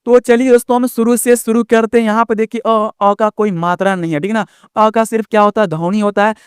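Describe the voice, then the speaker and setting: Speaking fast in a clear, resonant, high-pitched voice with fairly even intonation, a man teaches an online lesson and draws out vowel sounds to demonstrate pronunciation. He repeatedly checks in with "ठीक ना." The recording is studio quality, with no room sound.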